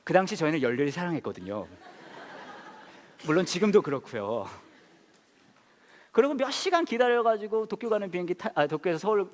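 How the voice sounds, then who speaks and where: Animated male pastor telling a story. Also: on the high side, big-room sound. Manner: animated, comic storytelling with many fillers. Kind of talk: sermon with personal storytelling.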